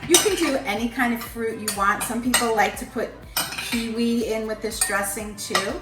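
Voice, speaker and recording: A woman's voice: fairly high pitch, normal speed, very noisy. A woman hosting a casual cooking show, explaining each step in a kitchen. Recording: echoey room, mic far off, background music.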